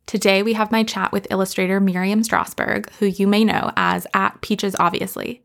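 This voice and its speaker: Gravelly-voiced woman hosting a podcast. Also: medium pitch, little pitch movement, moderate pace. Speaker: podcast host and bookshop owner. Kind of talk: podcast interview.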